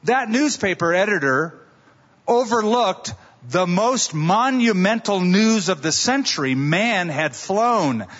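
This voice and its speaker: A man's voice: high voice, expressive, takes it slowly, a bit bright, big-room sound, muffled recording. Man preaching at a pulpit microphone. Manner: conversational storytelling with rhetorical questions. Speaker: pastor. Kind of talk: sermon.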